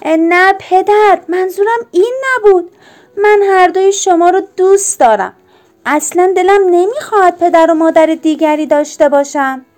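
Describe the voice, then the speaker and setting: A woman voicing an upset chubby young boy who gets teased, pleading in a high, whiny voice. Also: a little mellow.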